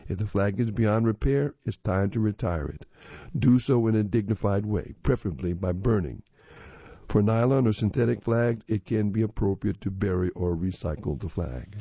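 A man reading magazine stories and articles aloud in a steady, measured way. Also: lowish voice, no room sound. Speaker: magazine reader. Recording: dull lo-fi recording.

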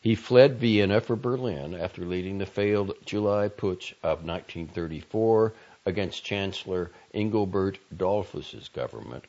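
A man narrating a magazine article in a slow, deliberate, grave manner. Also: low voice, a little mellow, highs cut off. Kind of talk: measured audio article narration.

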